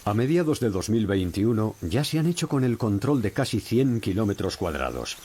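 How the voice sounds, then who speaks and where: Low-voiced male nature documentary narrator. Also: sing-song, normal speed, mellow, husky. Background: background music.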